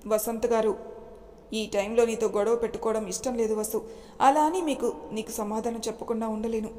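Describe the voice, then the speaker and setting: A woman voicing a calm, caring young husband who talks earnestly and reassures his wife. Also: a little high, normal speed, lightly acted. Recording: long hall reverb.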